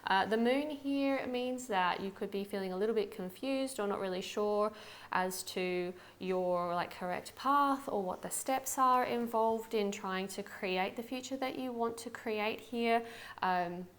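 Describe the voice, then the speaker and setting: A young woman doing a casual tarot reading for viewers, chatty and friendly with quick asides and fillers. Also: medium pitch. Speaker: tarot reader.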